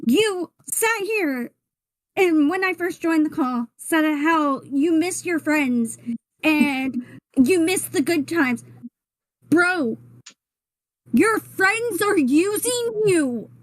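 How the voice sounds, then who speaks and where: A woman's voice: very high-pitched, expressive, very slow, no echo, rough recording. A woman in her twenties on a voice call from her bedroom, speaking in an emphatic, accusatory way. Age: 20s. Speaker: caller in a voice call. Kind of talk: heated voice call confrontation.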